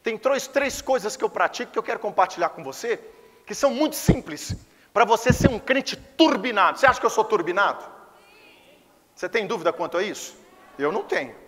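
A high, bright male voice with a Brazilian Portuguese accent delivers a fervent Pentecostal sermon. He swings from hushed, intimate passages to ringing exclamations. His voice carries a long reverb from a church hall. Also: expressive, a little fast. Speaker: pastor. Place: church service.

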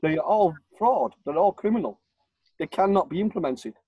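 A man's voice: sits high, expressive, normal speed, warm tone, breathy edge, no room sound, poor audio. An older man with a northern English accent, speaking emphatically as a guest on a home video call. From Warrington, northern England. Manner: emphatic, insistent, repeats his points. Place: living room at home. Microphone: webcam on a video call.

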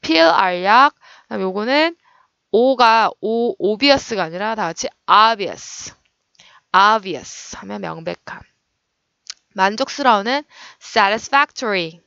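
A woman English teacher giving an online lecture, explaining word meanings and stress and modeling pronunciation slowly. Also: mid-range voice, expressive, vocal fry, bright, forceful tone, smooth, no echo, highs cut off.

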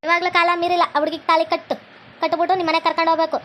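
A woman's voice: very high voice, level tone, racing, fairly bright tone. A woman, scolding and threatening as a stern police officer in a village comedy skit. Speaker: comedy sketch creator playing a police officer.

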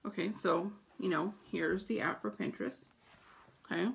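Speaking at a moderate pace with a steady, gravelly, low-leaning voice, a middle-aged American woman gives casual household advice to camera indoors at home. She repeats her points for emphasis, filmed on a phone or tablet held about arm's length away, with a little hiss or hum.

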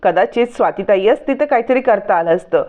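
A woman retelling a TV serial episode as a story, voicing the characters' lines in between her narration. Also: brisk. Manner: lively, voices the characters' lines with raised pitch. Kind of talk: storytelling recap with acted quotes. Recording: narrow phone-like sound.

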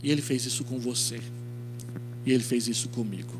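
A middle-aged pastor with a Brazilian accent preaches briskly in a mid-range voice, delivering an expository sermon with stories, quoted dialogue, and rhetorical questions. He uses a handheld mic on an indoor church stage. Mains hum and obvious noise mark the recording.

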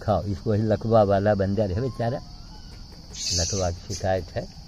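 A man's voice: fairly low pitch, steady tone, measured pace, background noise. A man talking casually outdoors while feeding monkeys, coaxing them with repeated calls. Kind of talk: casual outdoor vlog chat.

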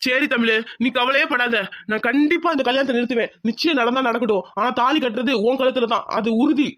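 A man's voice: very high voice, a little fast, fairly bright tone. A performer voicing a devoted young village man in a cartoon, pleading with the woman he loves. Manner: pleading, earnest promises. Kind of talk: cartoon voice acting.

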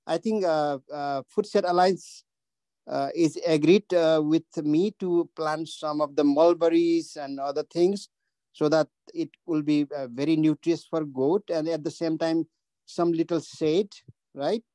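Halting Nepali-accented man on a call. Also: fairly high pitch, steady tone, warm tone, no room sound. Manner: halting, many uhs and restarts. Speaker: audience member asking a question. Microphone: video call audio.

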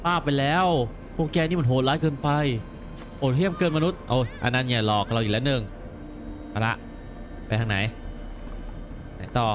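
A man commenting on a game as he plays, exclaiming and repeating words in quick excited bursts. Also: medium pitch. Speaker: gameplay commentator. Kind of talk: let's play commentary.

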